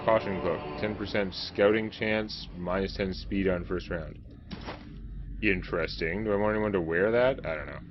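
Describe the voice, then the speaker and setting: A man's voice: sits low, moderate pace, lo-fi sound, noisy background. A man giving casual gameplay commentary as a let's play host, chatty and self-mocking as he thinks aloud. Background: game music.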